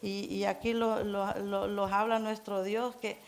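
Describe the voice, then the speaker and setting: A middle-aged woman giving an informal church sermon in an earnest, halting way, restarting phrases and repeating words as she goes. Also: medium pitch, level tone. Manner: keeps urging listeners to imagine. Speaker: church member preaching.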